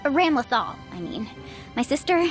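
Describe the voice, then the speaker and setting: High pitched flustered anime game android girl, stammery n earnest, music behind. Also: sing-song, normal speed. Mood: chatty, earnest. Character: flustered, chatty, earnest young android bride. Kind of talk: video game voice acting.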